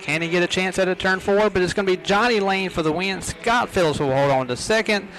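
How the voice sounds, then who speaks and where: American male racing commentator, raised pitch. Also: a little fast, rough recording. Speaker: motorsport commentator. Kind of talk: live race commentary. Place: outdoor speedway broadcast. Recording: loud outdoor racetrack engine noise. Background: race cars and outdoor ambience.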